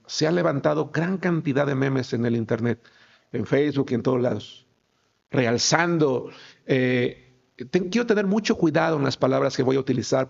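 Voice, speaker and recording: A man's voice: medium pitch, creaky. A male pastor preaching a sermon, emphatic and firing rhetorical questions at his congregation. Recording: dull lo-fi recording.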